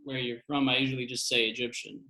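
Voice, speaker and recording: Man, mid-range voice, halting casual talk. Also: mid-range voice, flat delivery, pushed and bright. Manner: hesitant, halting. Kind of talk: casual chat.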